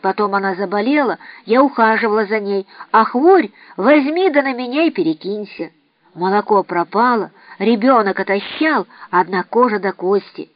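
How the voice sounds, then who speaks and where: A woman voicing a weary, bitter old woman who talks low, grim and blunt, in an audiobook reading. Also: expressive, normal speed, no room sound, close to an everyday voice. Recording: dry, slightly dull recording.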